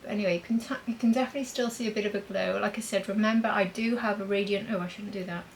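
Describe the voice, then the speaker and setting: A woman's voice: mid-range voice, steady tone, racing, creaky, a little hiss or hum, rough recording. Chatty woman doing a makeup demo. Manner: chatty, thinking aloud while applying makeup. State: talking with a mint in her mouth. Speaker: beauty vlogger. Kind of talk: makeup demonstration vlog.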